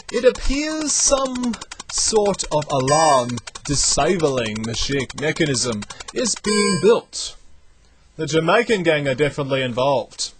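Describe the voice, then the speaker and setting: A young man, not from the United States, commentating a video game as he plays, thinking out loud with lots of energy. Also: a little high, background noise. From outside the United States. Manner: animated, thinks aloud while playing. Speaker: let's play commentator. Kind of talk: gameplay commentary.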